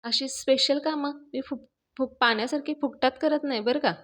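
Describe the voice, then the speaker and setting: A woman's voice: high-pitched, fairly even intonation, brisk, fairly bright tone, pitched above the performer's own voice. Woman retelling a cheeky greedy village lad. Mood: boastful teasing. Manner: teasing, boastful.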